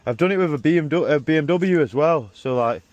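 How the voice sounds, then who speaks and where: A man's voice: fairly high pitch, lively intonation, fast, a little mellow, dry recording, lo-fi sound. A man chatting casually and using matey slang as he works and instructs a helper. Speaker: car detailer filming and instructing a young helper. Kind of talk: casual chat while working. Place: in and around a vehicle being cleaned. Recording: background noise from vehicle work.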